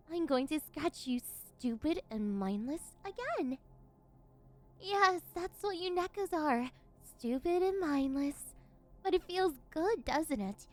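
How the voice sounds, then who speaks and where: A woman performs a possessive yandere villainess in an audio ASMR role-play. Her voice is high and swoops widely, slipping between sugary, teasing coos and unhinged, domineering commands, with music underneath. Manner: cooing, teasing baby-talk turning domineering, unhinged villain. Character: possessive, gleefully unhinged yandere woman, condescending captor of catboy.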